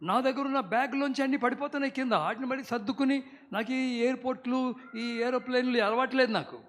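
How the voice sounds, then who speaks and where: Old man pastor in his 70s preaching, high voice, loud emphatic bursts, big echoey church reverb. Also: quick pace. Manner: emphatic preaching with sudden loud calls and English phrases. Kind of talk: sermon.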